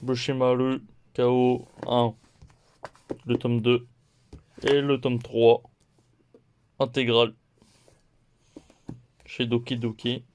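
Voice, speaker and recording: Un homme qui présente ses achats de mangas de la semaine sur un ton décontracté, en énumérant les titres un par un et en riant de ses erreurs. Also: male voice, medium pitch, completely flat delivery, darkish tone, clean tone, dull audio. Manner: slow, listing titles one by one; playful, laughs at own mistakes. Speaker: manga haul vlogger. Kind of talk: casual haul video chat.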